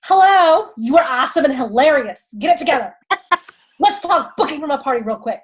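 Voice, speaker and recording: A woman putting on a bubbly, high-voiced coworker with an accent who greets everyone loud and cheerful. The voice sits high and bright. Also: lively intonation, moderate pace. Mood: peppy. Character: upbeat woman colleague with an accent.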